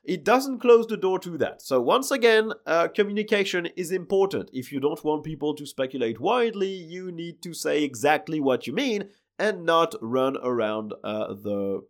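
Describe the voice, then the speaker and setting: Hoarse French man hosting a podcast. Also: a little high, lively intonation, moderate pace. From France. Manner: chatty, loose, trails off with fillers. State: hoarse, sick voice. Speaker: podcast host. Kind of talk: solo tech news podcast.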